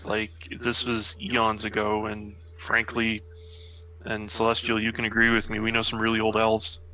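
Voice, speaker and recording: A man's voice: fairly low pitch, completely flat delivery, moderate pace, bright, forceful tone, muffled recording, a little hiss or hum. A man playing a tabletop role-playing game, chatting casually in and out of his role. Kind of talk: casual role-play chat.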